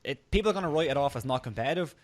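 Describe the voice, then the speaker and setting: Irish guy co-hosting, talks quick, dry sound. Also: fairly high pitch, expressive, no echo. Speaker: podcast co-host. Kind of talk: casual podcast chat.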